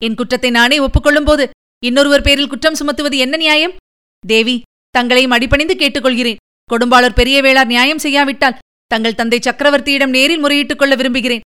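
A woman's voice: high-pitched, steady tone, quick pace, bright, forceful tone. A woman reading as Manimekalai, a pleading young noblewoman. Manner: tearful, pleading, emotional. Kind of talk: audiobook reading.

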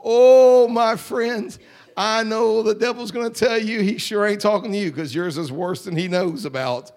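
A man preaching a fervent holiness sermon, rhythmic and drawling, often clearing his throat. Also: high voice, normal speed, a little mellow. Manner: fervent, rhythmic, drawling with repeated call-outs.

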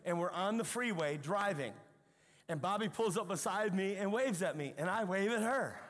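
Older male pastor, sermon, high voice, animated storytelling, long hall reverb. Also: moderate pace. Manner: animated storytelling with emphatic outbursts. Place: church sanctuary.

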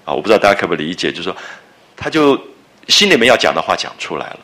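A man explains a classic novel in a relaxed lecture. His tone is bright and ringing, and his pitch swings widely as he talks. He circles back over his own phrases and keeps asking his listeners rhetorical questions. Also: very fast. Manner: conversational, repeats phrases, asks the audience rhetorical questions.

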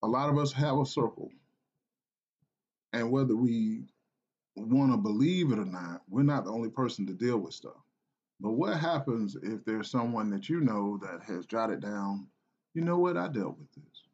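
A man from South Carolina telling a personal story in an earnest, halting way, with restarts and repeated phrases. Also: mid-range voice, animated, darkish tone, muffled recording. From South Carolina, United States.

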